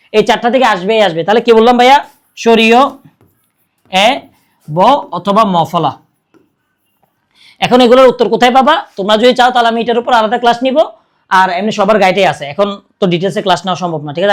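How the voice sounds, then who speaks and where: A young man giving an informal exam-prep lesson, often asking his own questions and answering them to coax students along. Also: sits high.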